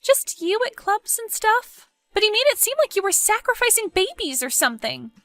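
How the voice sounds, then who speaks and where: A woman voicing an excitable, pushy young woman friend in an animated story, exclaiming and goading. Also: very high-pitched, normal speed, faint music behind, pitched above the performer's own voice, exaggerated voice. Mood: worried.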